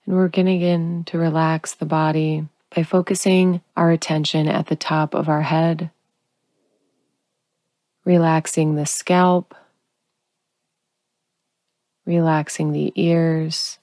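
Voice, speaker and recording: A woman guiding a sleep meditation in a calm, soothing, unhurried sleep-story narrator manner, leaving long pauses. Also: low-pitched, dry recording. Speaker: guided relaxation narrator.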